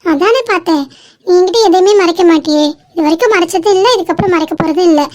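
A bubbly teenage girl, voiced by a woman, chatters at her best friend in a very high, piping voice. She teases and presses with quick questions. It sounds like a homemade drama. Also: a little mellow. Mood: earnest.

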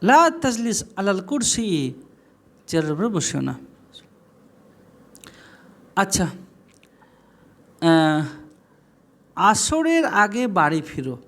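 A man teaching an Arabic lesson, saying phrases slowly and repeating them before explaining each one in everyday speech. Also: high voice, big pitch swings, fairly bright tone. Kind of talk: classroom lesson.

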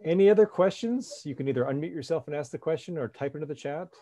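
A man's voice: fairly high pitch, animated, quick pace, dark tone. Man moderating a video call Q&A. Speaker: host, moderator.

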